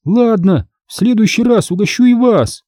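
A man voicing a teasing, sharp-tongued teenage girl in an audiobook, snapping back with quick retorts. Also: high-pitched, animated, dry recording, clean studio sound, voice pushed up. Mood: mocking. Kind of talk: audiobook character voice.

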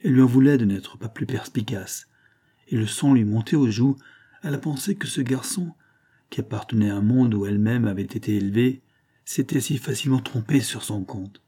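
Male audiobook narrator, measured and even; dark, slightly husky voice. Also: medium pitch.

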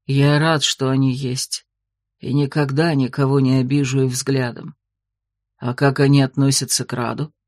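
Devoted old werewolf man, woman reading, soft low slow voice, dry sound. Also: flat delivery, dry recording. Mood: gentle. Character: grey-haired male werewolf, gentle and devoted.

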